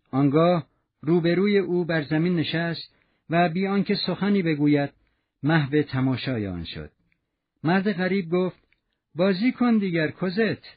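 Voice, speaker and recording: A man reads a classic novel aloud in a measured, even storytelling manner. His voice sits somewhat high for a man. The recording sounds dull and lo-fi. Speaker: audiobook narrator. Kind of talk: scripted audiobook narration.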